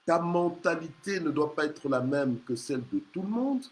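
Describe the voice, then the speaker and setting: A Congolese preacher leads a morning prayer, his fairly high, animated voice moving at normal speed over faint music. He exhorts emphatically, repeating phrases and punctuating them with hallelujah and amen. The recording is clear, though ambient background noise can be heard.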